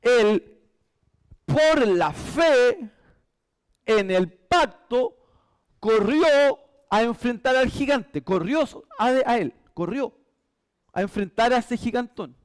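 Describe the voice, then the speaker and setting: Male pastor, very high voice, emphatic church sermon, repeats key phrases. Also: lively intonation, slow pace, clean tone. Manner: emphatic, repetitive preaching.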